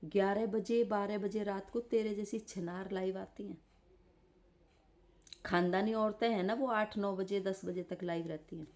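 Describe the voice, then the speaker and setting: A woman's voice: medium pitch, steady tone, a little slow, darkish tone. A woman live streaming from bed, scolding and insulting someone in an angry roast rant. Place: lying in bed.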